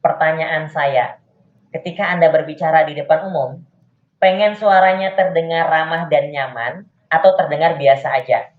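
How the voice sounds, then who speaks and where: A public speaking coach teaching an online class, talking deliberately with clear pauses over a video call. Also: medium pitch. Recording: echoey, phone-like video call audio.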